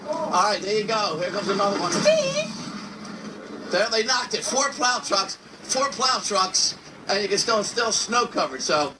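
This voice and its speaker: High pitched guy reporter live, super up and down, bit far from mic. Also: animated, unhurried. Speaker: news field reporter. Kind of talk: live ad-libbed commentary. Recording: distant mic with outdoor noise.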